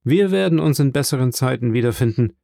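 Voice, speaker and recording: A man voicing a grieving, kindly middle-aged shipowner in an audiobook, with an earnest, warm delivery. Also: medium pitch, expressive, a little fast, vocal fry, dry recording. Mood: sorrowful, kind.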